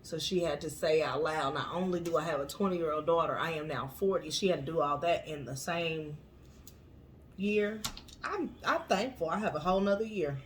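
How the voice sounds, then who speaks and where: A woman's voice: deep voice, normal speed, a little hiss or hum. A woman in her late thirties co-hosting a podcast in casual chat, matter-of-fact and teasing. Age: late 30s. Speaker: podcast co-host.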